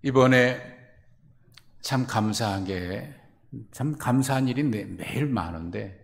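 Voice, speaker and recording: Gravelly-voiced male pastor preaching. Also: slow pace. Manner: acts out imagined quotes with sudden loud, high bursts. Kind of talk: sermon.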